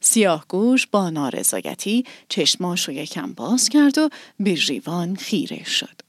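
Calm woman narrating a storybook. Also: fairly low pitch, no room sound, studio quality. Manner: calm, measured, softly expressive.

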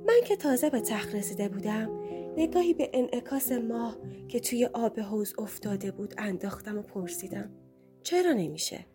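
A woman narrating a story in the first person with an expressive telling. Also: a little high, music in the background.

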